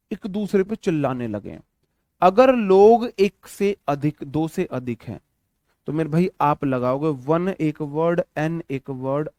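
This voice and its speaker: A man's voice: on the high side, darkish tone, dry recording, clean studio sound. A young man teaching English grammar in a Hindi-accented online exam-prep lesson, repeating each point and asking his students questions. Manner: repetitive, addresses students as brother, asks them questions.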